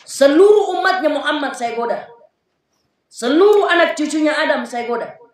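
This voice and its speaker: A man's voice: extremely high pitch, animated, moderate pace. A male preacher with a South Sulawesi accent voicing a proud, scheming male devil who makes grandiose vows. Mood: boastful. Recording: echoey hall, voice far from mic.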